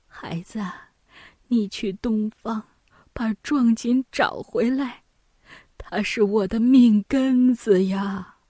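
A woman voicing a frail, ailing old mother who pleads in a faint, breathy half-whisper, in a storybook reading. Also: fairly high pitch, takes it slowly, warm tone, no room sound, studio quality. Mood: pleading.

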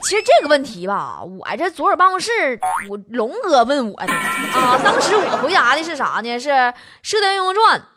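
A woman's voice: high-pitched, sing-song, moderate pace, hardly any pauses, over a noisy crowd. A woman radio host, telling comic stories in a chatty, teasing way. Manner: chatty, teasing, laughing asides. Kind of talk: comic storytelling. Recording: loud music behind voice.

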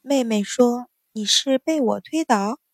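A woman voicing a calm, sly young lady who speaks softly with feigned politeness. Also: fairly high pitch, unhurried, no echo, clean studio sound. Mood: sweet. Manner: soft, sweet, feigned politeness.

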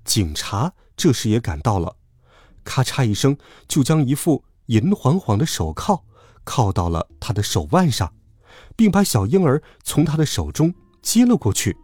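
A man narrating a children's story with a voice that rises and falls in a very animated way. His tone is mellow and a little husky. The recording is dry and close, with light music underneath. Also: medium pitch, moderate pace, no echo. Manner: lively, animated.

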